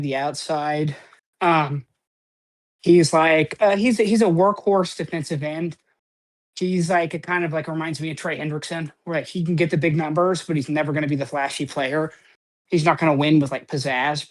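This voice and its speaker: A man co-hosting a podcast, talking sports in a rambling, casual way, full of "um" and "like" and casual swearing. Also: fairly high pitch. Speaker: podcast co-host.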